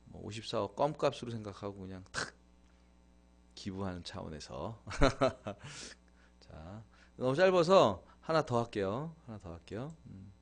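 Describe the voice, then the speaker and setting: A man's voice: on the low side, expressive, a little slow, vocal fry. A man hosting a live internet broadcast in a chatty, casual way, laughing and thanking viewers. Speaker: live-stream host. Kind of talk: casual live-stream talk.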